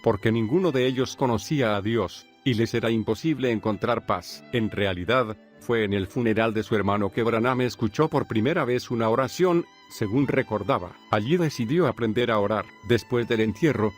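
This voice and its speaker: A man reading a scripted biographical documentary narration in a steady, measured storytelling manner. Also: mid-range voice. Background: soft background music.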